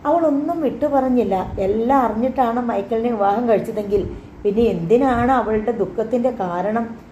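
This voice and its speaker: A woman narrating a novel as an audiobook reader, in calm, measured storytelling. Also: a little high, a little hiss or hum. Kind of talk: scripted narration. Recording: roomy, slightly dull recording.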